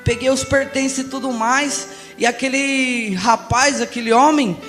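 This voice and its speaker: A young Brazilian man giving an emotional church testimony, passionate and swinging between hushed and loud. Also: extremely high pitch, fairly even intonation, a little slow. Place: large church hall. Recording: reverberant church hall with music.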